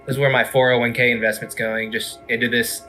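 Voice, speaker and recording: A man with a bright, forceful voice chats through a game. He is casual and sarcastic, tossing out jokes, with music playing behind him. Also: medium pitch, level tone, fast. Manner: sarcastic, wisecracking. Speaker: game commentator. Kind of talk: casual joking gameplay commentary.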